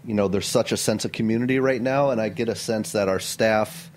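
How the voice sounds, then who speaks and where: A middle-aged chef answering interview questions in a studio, earnest and animated, often saying "you know" and "um". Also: male voice, fairly low pitch, fairly quick, a little hiss or hum. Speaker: chef and restaurant owner. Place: radio studio.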